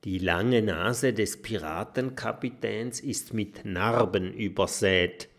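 Guy reading a kids story, nice and slow, really expressive. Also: on the low side. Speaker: audiobook narrator. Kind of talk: children's storybook narration.

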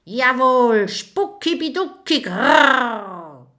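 A woman's voice: high-pitched, very animated, extremely slow, bright, forceful tone, voice pushed up, exaggerated voice. A woman voicing a shy, clumsy little male ghost who stammers and mixes up names. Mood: eerie spooky.

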